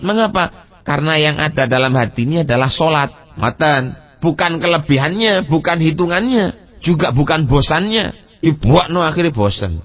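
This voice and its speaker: A man with an East Javanese accent preaching at a religious study session, lively, asking rhetorical questions and speaking straight to his listeners, now and then chanting Arabic text with a Javanese gloss. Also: on the high side, muffled recording. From East Java. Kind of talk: mosque study sermon mixing Indonesian and Javanese.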